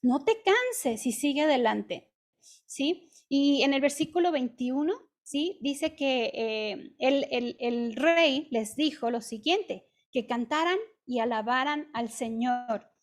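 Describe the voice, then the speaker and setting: Mexican woman, high voice, chatty devotional preacher who keeps checking in with listeners. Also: lively intonation, slow pace. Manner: conversational, with frequent "¿sí?" check-ins and "este" fillers. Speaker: women's ministry speaker.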